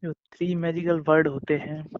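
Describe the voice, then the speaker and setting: A man's voice: a little high, flat delivery, normal speed, a little hiss or hum. A man on a casual romantic phone call, coaxing and playful as he keeps insisting. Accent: Hindustani. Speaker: boyfriend on a call. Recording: muffled phone call recording.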